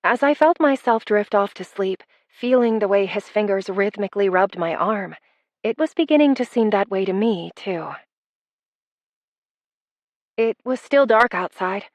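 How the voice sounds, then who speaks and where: A woman's voice: mid-range voice, expressive, a little slow, dry recording. A woman narrating a first-person romance audiobook in a wry, conversational storytelling manner.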